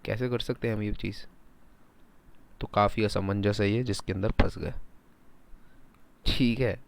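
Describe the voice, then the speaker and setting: Guy lecturing casually, lowish smooth voice, keeps asking rhetorical qs. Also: measured pace. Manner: animated, talks in first person as a country, rhetorical questions. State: sore throat. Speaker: teacher. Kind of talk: casual Hindi-English lecture.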